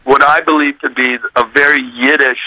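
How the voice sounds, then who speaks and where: A man's voice: mid-range voice, moderate pace, dry recording, rough recording. A man and recording artist telling a story in a casual interview, acting out what people said, scatting melodies and swearing freely. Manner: animated, acts out quotes and scats melodies.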